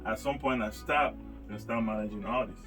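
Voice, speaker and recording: A man from Cameroon, a rapper, chatting as a radio guest in a relaxed, rambling storytelling way. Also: lowish voice, moderate pace, far from the mic, music in the background. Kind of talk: casual interview chat.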